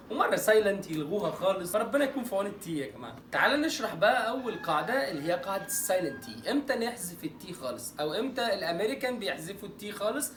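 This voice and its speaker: A man with an Egyptian Arabic accent teaching English pronunciation in an online lesson. He jokes playfully and draws out example words slowly. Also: high voice, fairly bright tone, reverberant, distant mic, a little hiss or hum.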